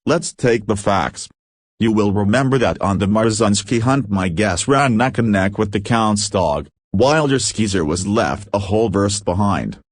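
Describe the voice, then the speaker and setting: A man's voice: on the low side, animated, moderate pace, breathy edge, no echo, clean studio sound. A man reading the part of an anxious, complaining young suitor who frets about his health. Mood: indignant. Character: nervous young hypochondriac male suitor.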